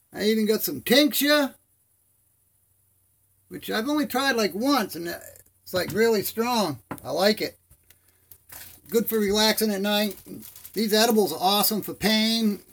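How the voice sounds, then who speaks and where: This man's voice is strikingly high and creaky as he chats casually to his live stream. Without teeth, his lips close over his gums and his words come out soft and slightly slurred. He rambles on in a friendly, buddy-to-buddy manner.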